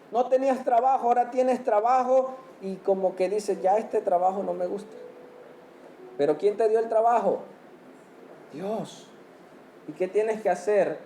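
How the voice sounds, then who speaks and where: High-voiced pastor, echoey hall. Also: male voice, mellow, a little hiss or hum. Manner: asks the congregation questions, punctuates with amen. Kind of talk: sermon. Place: church hall.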